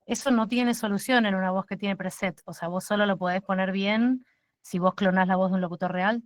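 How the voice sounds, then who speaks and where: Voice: medium pitch, fairly even intonation, brisk, no echo. Webinar participant, direct question, dry close sound, medium voice over a video call.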